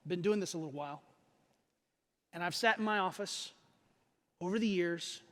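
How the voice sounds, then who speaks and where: A man's voice: high voice, a bit bright. A man in his forties preaching a sermon as a pastor, casual and joking, acting out the people in the story. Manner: conversational, jokey, acts out voices of characters. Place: church sanctuary. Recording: echoey church hall.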